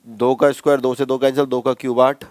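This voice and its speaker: A man explains a maths problem to his class, checking in with the students and going over each step again. His voice is smooth and clear at a middle pitch. The recording is dry and close. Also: little pitch movement, a little fast, darkish tone, dry recording. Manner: conversational, addresses students as bhai, repeats steps. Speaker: maths teacher. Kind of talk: classroom lecture.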